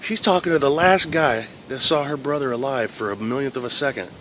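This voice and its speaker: Profane, rambling former cop telling a story. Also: male voice, medium pitch, fairly quick, fairly bright tone, slight background noise, rough recording. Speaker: former police officer. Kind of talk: casual storytelling.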